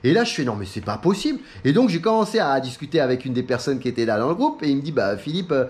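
A chatty middle-aged man from France talks straight to his viewers in a casual vlog. His voice sits high and swings widely as he tells stories. He acts out what other people said and laughs often. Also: very animated, racing, darkish tone. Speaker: sim racing YouTuber. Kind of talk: casual talking-head chat.

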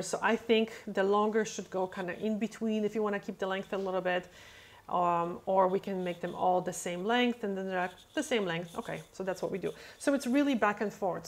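Answering questions in casual explanatory talk, a thirtysomething nail technician whose first language isn't English speaks at medium pitch into a webcam over a screen in an indoor room. She's chatty, uses lots of fillers, and plays out exchanges with her clients.

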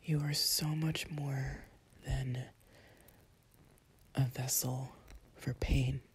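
A woman in an ASMR role-play as an empathic girlfriend, comforting the listener in a soothing, tender, breathy soft voice with long pauses. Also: a bass voice, little pitch movement. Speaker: intimate audio performer playing a comforting girlfriend.

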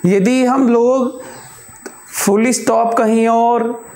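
A man teaching a physics lecture, explaining by repeating examples aloud with long pauses and slowly dictating notes. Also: very high-pitched, steady tone, a little mellow, echoey room. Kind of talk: classroom lecture.

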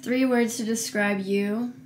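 A young adult woman answers questions in a casual chat, taking her time and speaking very slowly with a dry, deliberate manner. A clear background noise runs under her voice. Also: fairly high pitch, fairly even intonation, darkish tone. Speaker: guest.

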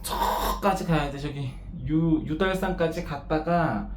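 A woman's voice: deep voice, slow pace. A woman vlogging alone from inside a cable car cabin, frightened, exclaiming and swearing nonstop as she films on her phone. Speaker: travel vlogger. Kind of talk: casual self-filmed commentary. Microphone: handheld phone camera. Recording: roomy enclosed cabin with faint noise.

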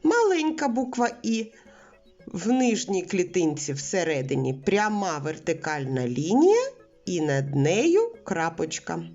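Woman preschool teacher, slow and very lively in pitch, slightly dull recording with faint music. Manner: slow, clear, sing-song explaining to small children. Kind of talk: children's literacy lesson.

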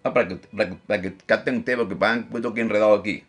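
A man teaching a Bible study as pastor, animated, often repeating phrases and checking in with his listeners. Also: racing, slightly rough. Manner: lively, animated teacher who mimics critics in a high mocking voice. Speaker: pastor teaching a discipleship class.

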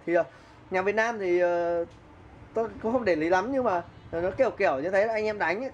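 A man's voice: sits high, dull audio, a little hiss or hum. A man giving a casual keyboard lesson, chatty, counting beats aloud and humming melodies as he plays. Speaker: music teacher. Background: keyboard playing.

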